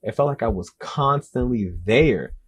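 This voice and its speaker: A man's voice: mid-range voice, animated, measured pace, husky. A young man, an author, answering interview questions in a casual, enthusiastic way and repeating himself often. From Dominican Republic and the US Northeast and South. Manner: enthusiastic, repetitive, lots of "literally" and "like".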